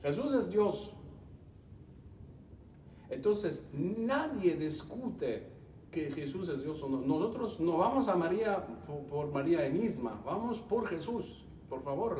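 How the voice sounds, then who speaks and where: A man giving an emphatic teaching talk to a group, animated and repeating key words. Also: a little high, measured pace. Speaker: speaker teaching on faith. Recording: roomy hall, distant mic, faint hum.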